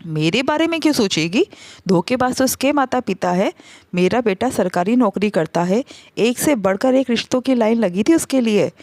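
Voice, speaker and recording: A woman's voice: on the high side, a little mellow, no echo. Woman voicing a grumbling greedy mother-in-law. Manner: scolding, self-pitying complaints. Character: greedy, complaining middle-aged mother-in-law.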